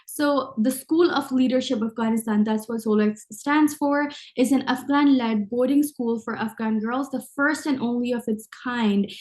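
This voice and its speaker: A woman's voice: a little high, darkish tone. A young adult woman hosting an interview, enthusiastic, reading a prepared introduction with many ums. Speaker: interview host. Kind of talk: hosted interview.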